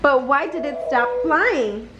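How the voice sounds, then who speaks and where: A woman voicing an eager, curious young male cat from a storybook, with excitable exclamations. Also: high voice, slow, muffled recording. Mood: excited.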